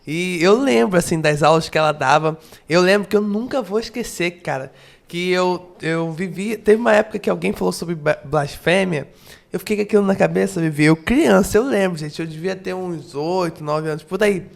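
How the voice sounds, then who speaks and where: Gravelly high-voiced Brazilian man. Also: moderate pace. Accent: Brazilian Portuguese. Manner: relaxed, reminiscing, says "gente" and "cara". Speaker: podcast host. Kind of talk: casual podcast chat.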